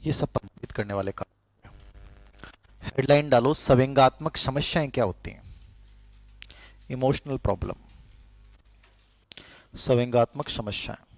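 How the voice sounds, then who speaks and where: Hindi teacher dictating a psychology lecture. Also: male voice, medium pitch, measured pace, creaky, long pauses, dry recording. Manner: conversational, repeats key terms for notes.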